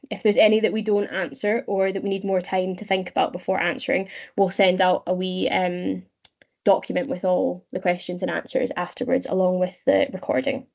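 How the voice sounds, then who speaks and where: Flat, gravelly-voiced Scottish woman presenting. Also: mid-range voice, lo-fi sound. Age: 20s. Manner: steady, explanatory, with frequent "um" pauses. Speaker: webinar presenter, young leader. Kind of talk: presenting an online webinar. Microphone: video call.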